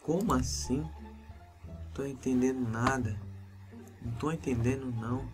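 A man with a Brazilian Portuguese accent narrating a Minecraft role-play in an excitable, exclamatory way. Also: mid-range voice, normal speed, music in the background. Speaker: gamer YouTuber.

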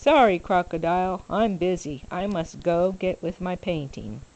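An older woman voicing a young, dawdling storybook alligator full of reluctant excuses, in a creaky voice. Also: fairly low pitch, a little slow, darkish tone. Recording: noisy home video recording.

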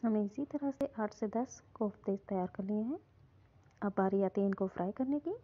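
A woman calmly narrating a step-by-step recipe in her home kitchen. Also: mid-range voice, normal speed. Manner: calm, instructive, repeats "hum" often. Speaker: cooking channel host. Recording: dull lo-fi phone audio.

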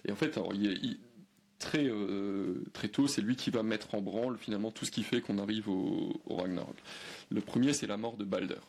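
Man, fairly low, gravelly and husky; conversational guest, hesitant delivery with fillers and restarts. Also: moderate pace, a little mellow. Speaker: guest historian. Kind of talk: conversational explanation.

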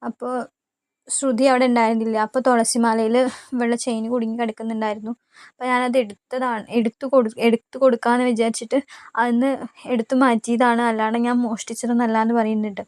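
A woman's voice: fairly high pitch, level tone, fast talker, darkish tone. A woman chattily retelling a TV serial episode to her listeners, often adding a tag question for them.

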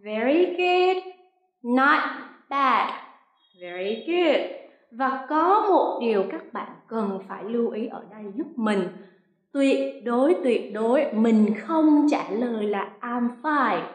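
A woman from Vietnam teaches English online, sounding out each phrase slowly and clearly. Her voice sits a little high and her pace is unhurried. The room adds a noticeable echo. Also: animated. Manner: slow, clearly sounded-out drills with cheerful praise. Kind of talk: online language lesson. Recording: echoey room.

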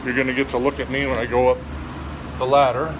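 Talking fast in a level, mid-range voice, a middle-aged man who manages HVAC service gives a casual walkthrough of an old machine room, speaking admiringly of the equipment. He records on a handheld phone camera, with background noise around him.

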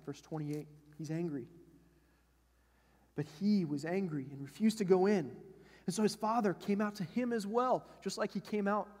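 A man's voice: on the high side, darkish tone, slightly rough. A male pastor preaching a sermon in a church sanctuary, talking in a conversational way and asking his listeners questions. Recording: long church hall reverb.

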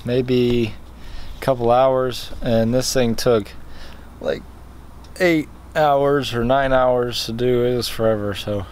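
A man's voice: medium pitch, slow, darkish tone, smooth. A man in his twenties talking casually to a handheld camera, loose and rambling with fillers. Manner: chatty, loose, trailing off with fillers. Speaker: vlogger. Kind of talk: casual vlog talk to camera. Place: outdoors and in a workshop, on the road. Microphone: handheld camera at arm's length. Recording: noisy outdoor camera audio.

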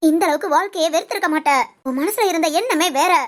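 A woman's voice: very high voice, fast talker, heavy background noise. A woman voicing a coaxing older woman friend. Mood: probing. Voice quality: coaxing, insistent. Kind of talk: audio story role-play.

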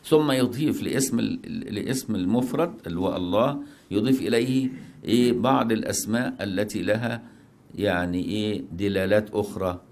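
Deep-voiced Egyptian man, chanting and teaching. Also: a little mellow. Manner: slow chanting of prayers, then conversational explanation. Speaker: Islamic scholar teaching. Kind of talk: religious lesson with chanted supplication.

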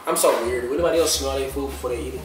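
A young man hosts a food challenge from a very echoey kitchen, sounding off mic with music behind him. His talk is casual street slang, loose and animated. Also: medium pitch, very fast, recorded from a distance. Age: 20s. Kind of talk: casual vlog chat. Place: home kitchen, indoors. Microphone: camera a few feet away.

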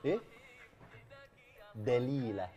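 A man's voice: mid-range voice, slow pace, muffled recording, loud music behind the voice. A young man with an Egyptian accent hosting a game with playful banter. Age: young adult. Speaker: game host. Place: TV studio set. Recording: group chatter and laughter behind.

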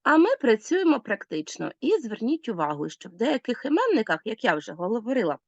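Ukrainian teacher listing word endings. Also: female voice, a little high, big pitch swings, a little fast, vocal fry, no room sound, lo-fi sound. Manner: lists word forms one by one, stressing endings; addresses pupils directly with instructions. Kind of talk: recorded grammar lesson.

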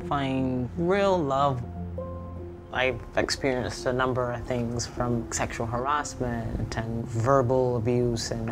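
Deep-voiced woman, calm and earnest. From Barbados. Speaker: entrepreneur and advocate. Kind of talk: reflective documentary narration.

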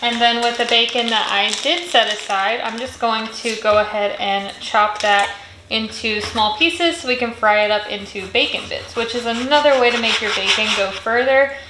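A woman's voice: on the high side, roomy sound, noisy background. A woman giving a friendly step-by-step cooking voice-over in a home kitchen. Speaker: cooking channel host.

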